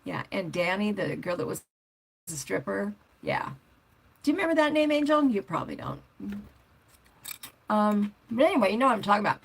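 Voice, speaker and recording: Gravelly older woman chatting on a livestream. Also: mid-range voice, very animated, fairly quick, long pauses. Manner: rambling, chatty, reads out viewer comments. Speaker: motorcycle vlogger hosting a livestream. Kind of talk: casual livestream chat.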